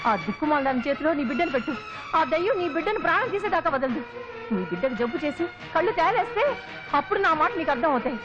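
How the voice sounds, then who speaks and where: An actress playing a scheming, sharp-tongued middle-aged mother who curses and scolds. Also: sits high, expressive, fast. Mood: bitter scolding. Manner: scolding, cursing, melodramatic. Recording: dull film audio with music.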